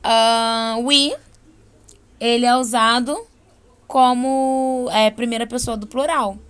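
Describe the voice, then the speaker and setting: A young adult woman with a Brazilian accent teaching an English class, explaining patiently and slowing down for example sentences. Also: a little high, steady tone, fairly bright tone, smooth. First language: Portuguese. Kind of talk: online class lesson.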